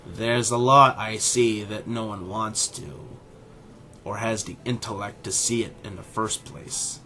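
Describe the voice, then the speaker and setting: In a scripted audio drama, a man plays an arrogant, condescending middle-aged animal scientist and father, speaking in a pompous, deliberate way. His voice is lowish with fairly even intonation and stays close to an everyday voice, with background noise present.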